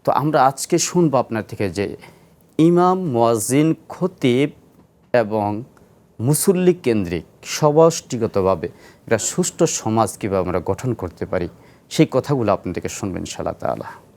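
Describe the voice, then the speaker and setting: A man, hosting a religious talk show and introducing the topic slowly and formally. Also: mid-range voice, sing-song, a little mellow. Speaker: host. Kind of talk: studio discussion on a religious show.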